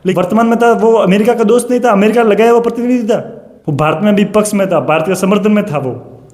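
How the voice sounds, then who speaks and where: In a reverberant, echoey room, a male coaching teacher fires off an impassioned rebuttal, repeating himself and jabbing sarcastically at the person he addresses. His voice sits high with a darkish tone and moves quickly.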